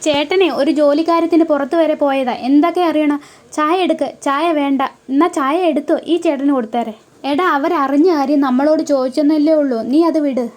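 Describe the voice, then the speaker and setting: A woman's voice: sits high, normal speed, a little mellow. A woman retelling a TV serial episode. She speaks every character's lines in turn and adds short asides saying who is talking.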